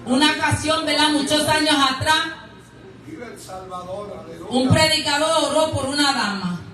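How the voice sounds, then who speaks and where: High, bright-voiced woman preaching in an echoey church. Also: measured pace. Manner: earnest, storytelling, repeats words for emphasis. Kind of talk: sermon with personal testimony. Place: church hall. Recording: echoey hall from far off.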